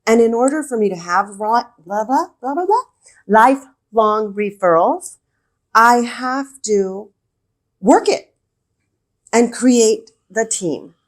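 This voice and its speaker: A regional director from El Paso, Texas, speaks slowly in a somewhat high, animated voice as a guest in a conversational business podcast interview. Full of enthusiasm and emphasis, she keeps coming back to her key words by repeating them.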